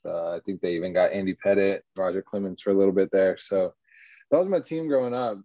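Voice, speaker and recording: A man, a baseball pitcher answering interview questions in an easygoing, rambling way. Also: fast talker, mellow, no room sound. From Texas, USA. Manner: easygoing, rambling, many ums and you-knows. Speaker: professional baseball pitcher, guest. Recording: dull, muffled lo-fi sound.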